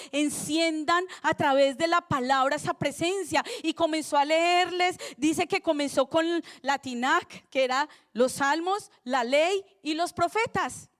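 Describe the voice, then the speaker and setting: A middle-aged woman pastor delivers a sermon in a high voice. She talks to her listeners the way she would in conversation, animated and full of rhetorical questions.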